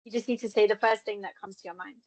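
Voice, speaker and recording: A young woman speaks as an interviewer in a conversational style. Her voice sits at an average pitch for a woman. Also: fairly even intonation, fast, poor audio.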